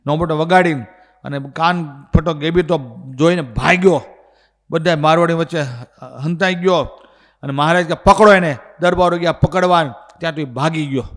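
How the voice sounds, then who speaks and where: A man's voice: on the high side, normal speed. A man with a Gujarati accent, telling religious stories as a sermon and acting out the dialogue with energy. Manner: animated storyteller acting out dialogue. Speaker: swami giving a religious discourse. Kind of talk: storytelling sermon. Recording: long hall reverb.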